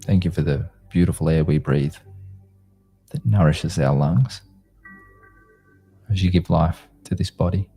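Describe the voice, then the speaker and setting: A man leading a guided meditation in a slow, gentle, soothing manner, like a sleep story narrator, in short spaced phrases. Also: low voice, gravelly, husky, soft background music. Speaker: meditation guide, host of a live group session.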